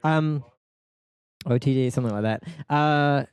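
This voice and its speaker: Male co-host, mid pitch, rambling jokey delivery, dry close sound. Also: measured pace, smooth, dry recording. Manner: rambling, joking, swears freely. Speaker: podcast co-host. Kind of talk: casual chat.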